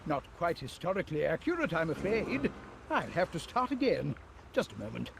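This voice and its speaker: An actor playing a pompous old English army major in a video game, telling tales theatrically and given to yelled exclamations. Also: male voice, fairly high pitch, big pitch swings, moderate pace, gravelly, background noise. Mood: blustery, theatrical. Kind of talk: video game character acting.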